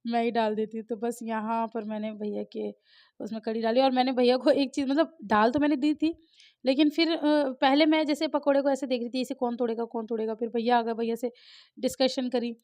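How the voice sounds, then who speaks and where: An Indian mother and family vlogger chats casually to viewers from indoors at home, calling them "guys." Her voice is fairly high with little pitch movement, fairly quick and darkish in tone, on a dull lo-fi home recording.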